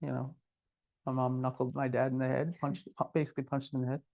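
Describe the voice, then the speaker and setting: A man's voice: medium pitch, little pitch movement, fast talker, vocal fry, lo-fi sound. A middle-aged man co-hosting a podcast, talking candidly and reflectively about his past, with a self-deprecating streak. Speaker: podcast co-host. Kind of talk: casual conversational podcast.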